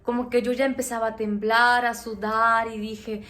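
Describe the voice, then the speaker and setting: High-voiced Mexican woman telling a story. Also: moderate pace. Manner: animated, chatty, checks in with viewers. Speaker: vlogger. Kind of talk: casual storytime.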